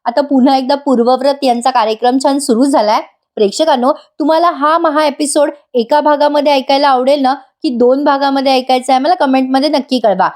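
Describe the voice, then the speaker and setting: A woman's voice: sits high, steady tone, brisk, few pauses, darkish tone. A woman narrating a voice-over review of a TV serial, chatty and addressing viewers directly.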